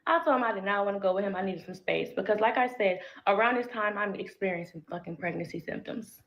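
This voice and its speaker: A young woman, telling a personal story to her viewers in a candid, animated, profane way. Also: medium pitch, fast, muffled recording. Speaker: vlogger. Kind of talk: storytime vlog.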